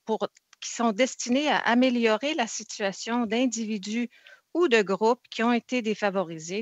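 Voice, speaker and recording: A woman's voice: mid-range voice, no room sound. Woman senator asking formal questions. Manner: deliberate, formal, long winding questions. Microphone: video call. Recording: dull lo-fi video call audio.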